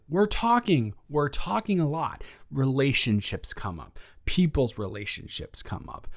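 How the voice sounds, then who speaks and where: With a natural voice on the high side, a man rambles as a nervous young roommate in an improvised audio roleplay. The character is self-deprecating, stammering and going over the same words again.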